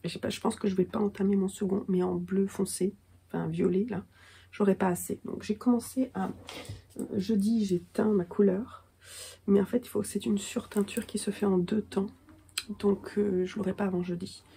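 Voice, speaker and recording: This knitting vlogger and yarn dyer, a woman in her thirties, has a cold and talks self-mockingly to camera indoors at home, full of hesitations. Her medium-pitched voice is creaky and mellow, with fairly even intonation at a moderate pace, plus a faint hiss or hum.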